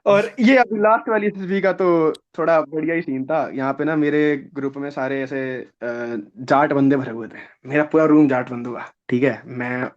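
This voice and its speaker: A young man, a guest on an interview show, telling animated stories and acting out other people's lines. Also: on the high side, moderate pace, few pauses. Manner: lively, acts out other people's lines, laughs often. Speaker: guest, defence-services aspirant. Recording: slightly dull, lo-fi audio.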